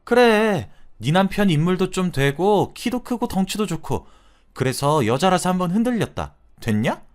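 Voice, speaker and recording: A man's voice: sits high, big pitch swings, normal speed, pitched above the performer's own voice. A man voicing a jealous, defensive woman friend in her thirties who protests indignantly and pities herself. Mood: defensive, bitter. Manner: indignant, self-pitying outbursts.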